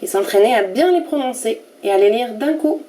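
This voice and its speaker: A woman's voice: on the high side, lively intonation, a little fast, natural voice. A woman voicing a small cheerful squirrel puppet who helps a teacher with young children's lessons. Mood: chirpy. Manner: bright chirpy greeting, singsong sounding out of syllables. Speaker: teacher's helper for young pupils.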